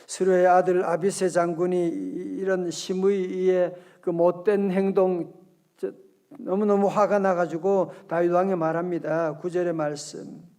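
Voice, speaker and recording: A male pastor preaching at an early-morning prayer service, talking in a lively, conversational way and often asking the congregation questions, with slow scripture readings. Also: high voice, clean tone. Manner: reads scripture aloud slowly.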